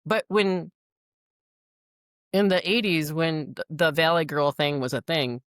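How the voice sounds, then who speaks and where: Middle-aged female guest, very low voice, wry and grumbling, dry close mic. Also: fairly even intonation, unhurried, no room sound. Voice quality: deep voice, called sir on the phone. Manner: wry, grumbling, self-deprecating. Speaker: podcast guest. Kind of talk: casual chat.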